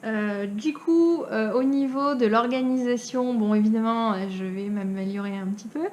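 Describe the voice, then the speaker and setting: A woman's voice: fairly high pitch, normal speed, darkish tone. A young Frenchwoman from France chatting casually as a knitting vlogger, with many hesitations and frequent laughs. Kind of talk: casual chat.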